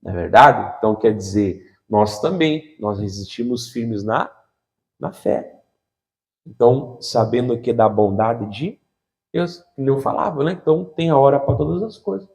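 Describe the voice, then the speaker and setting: A man preaching a lively sermon, who keeps asking the crowd rhetorical questions and acts out little scenes with humor. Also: medium pitch, normal speed, creaky. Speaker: pastor.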